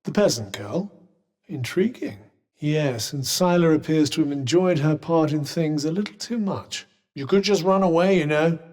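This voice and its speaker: A British man with a somewhat high, animated voice and a darkish, natural tone voices a sardonic, erudite sentient magical cuff, a companion character in a video game. He delivers the scripted lines at a normal speed, formally and with dry condescension, sounding wry and observant. A long, echoing reverb hangs on the recording.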